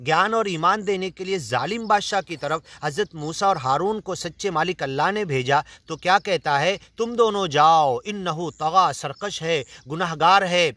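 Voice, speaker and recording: A man's voice: high-pitched, bright, forceful tone, no echo. A man from India with an Indian Urdu accent, earnestly explaining Quran verses in a sermon, reciting Arabic lines and then paraphrasing them. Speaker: Quran teacher.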